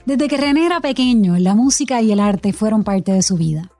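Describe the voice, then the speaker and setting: A Puerto Rican woman hosting a podcast, giving scripted narration in a measured, clear way and interviewing a guest. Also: mid-range voice, animated, warm tone, dry recording, faint music behind. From Puerto Rico. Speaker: podcast host and journalist.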